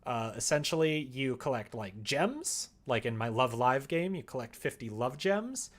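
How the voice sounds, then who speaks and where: Working on his visual novel during a livestream, a man talks in an expressive, mid-range voice at moderate speed. His explanations ramble, and now and then he mutters to himself.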